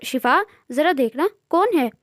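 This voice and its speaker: Woman reading as a cheerful teasing young girl, high voice, playful. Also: animated, normal speed, dry recording.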